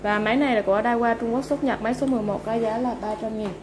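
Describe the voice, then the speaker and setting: A woman seller giving a polite, informal product sales pitch, going item by item with repeated stock phrases. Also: steady tone, rapid-fire. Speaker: online seller of used fishing reels. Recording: clearly noisy background ambience.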